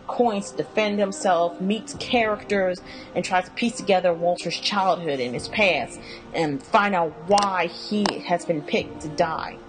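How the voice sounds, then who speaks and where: A woman's voice: lowish voice, poor audio. A woman casually walking through a video game's characters, rambling with fillers and correcting herself as she goes. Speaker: video game commentator. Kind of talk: casual spoken character rundown.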